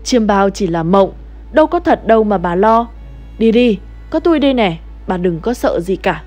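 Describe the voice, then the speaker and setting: A woman voicing an older village husband who gently scolds and reassures his wife. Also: medium pitch, lively intonation, moderate pace, soft background music, lightly acted. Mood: reassuring.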